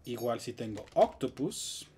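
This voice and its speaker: A man with a Mexican Spanish accent, teaching English grammar in a live stream with lively explanations and joking asides. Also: mid-range voice, a little slow, a little hiss or hum.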